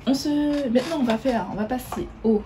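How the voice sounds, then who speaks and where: A woman's voice: sits high, fairly quick, noisy background. A woman chatting casually through a makeup tutorial, correcting herself as she goes and describing each product while she applies it. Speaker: beauty vlogger.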